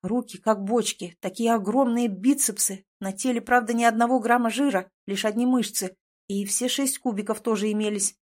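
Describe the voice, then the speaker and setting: A woman's voice: fairly high pitch, moderate pace. Woman narrating a novel expressively. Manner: expressive, dramatic reading. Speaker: audiobook narrator. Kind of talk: first-person novel narration.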